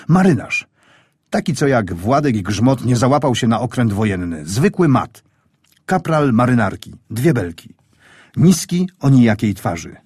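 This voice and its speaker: A man reading a wartime story aloud in a grave, measured, tense manner. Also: fairly low pitch, darkish tone, breathy edge, dry recording, clean studio sound. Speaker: audiobook narrator. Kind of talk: scripted wartime story narration.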